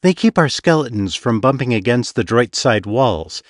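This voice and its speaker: A haughty female demon baron, sly and mocking, as a man puts her on. She speaks in a raised, lively voice with a dry, teasing edge, as if reciting a brochure. The sound is close and dry. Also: medium pitch, normal speed, no room sound, natural voice.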